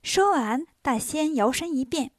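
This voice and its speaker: High-voiced lively woman storyteller. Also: measured pace, no room sound, studio quality. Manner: lively, expressive. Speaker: children's storyteller. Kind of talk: scripted narration.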